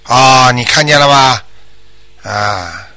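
Bright-voiced man hosting a call-in. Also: medium pitch. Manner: keeps asking if the caller understood; brisk, firm and reassuring. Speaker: radio call-in host. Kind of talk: radio call-in advice.

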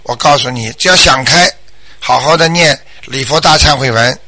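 A man hosting a radio call-in show, giving brisk, firm advice and often checking that the caller understood. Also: mid-range voice, pushed and bright. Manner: keeps asking if the caller understood.

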